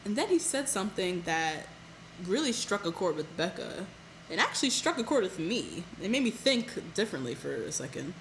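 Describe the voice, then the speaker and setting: Podcast co-host, woman, casual and chatty, quick to laugh, light room hiss. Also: on the low side, very animated. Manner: chatty, laughs often, lots of fillers. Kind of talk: casual chat recapping a reality show.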